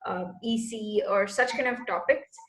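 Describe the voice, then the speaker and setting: Her mid-range voice is fairly bright and she speaks at normal speed: a Bangalore-born space entrepreneur appearing as an interview guest. She gives casual, earnest answers about her path, groping for words at times, recorded in an echoey space.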